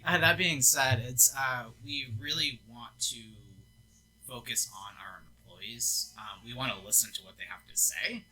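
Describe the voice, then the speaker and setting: A man's voice: medium pitch, a little slow, sharp tone, a little hiss or hum, poor audio. A young man, co-owner of a gaming lounge, chatting casually about business plans in an easygoing way, with frequent ums and laughs. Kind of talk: casual business update chat.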